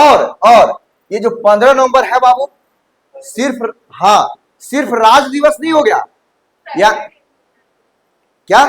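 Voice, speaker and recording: High-voiced male coaching teacher. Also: a bit bright, low-quality recording. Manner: checks understanding often, mixes English terms into Hindi. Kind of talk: classroom lecture. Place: classroom.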